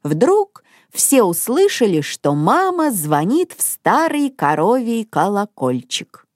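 A woman reading a children's story aloud in an expressive, unhurried manner. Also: medium pitch, no echo, studio quality.

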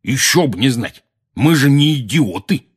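A man voicing a bellowing, furious middle-aged uncle in an audiobook, hoarse and blustering. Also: medium pitch, animated, a little slow, pitched above the performer's own voice. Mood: gloating. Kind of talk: audiobook character voice.

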